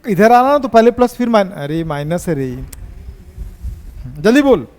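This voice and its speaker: A man teaching a physics class, teasing his students and pushing them to answer quickly. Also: high voice, sing-song, a little mellow, big-room sound.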